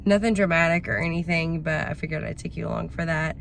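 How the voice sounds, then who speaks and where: A woman with a slightly raspy voice, chatting casually to camera as a vlogger. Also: low-pitched, fairly even intonation, fast talker. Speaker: vlogger hosting a week-in-my-life video. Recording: clear background noise, ambience.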